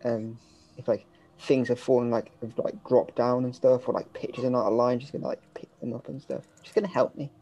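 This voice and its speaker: A woman chatting casually as a tabletop game player, halting and playful. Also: a bass voice, fairly even intonation, mellow, dull audio.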